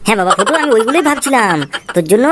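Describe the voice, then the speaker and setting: A woman's voice: expressive, very fast, background noise, natural voice. A woman voicing a scheming father who sweet-talks his son in a cartoon. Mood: flattering. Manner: coaxing aloud, cursing in low mutters. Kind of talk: Tweencraft cartoon voice acting. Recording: music playing behind the voice.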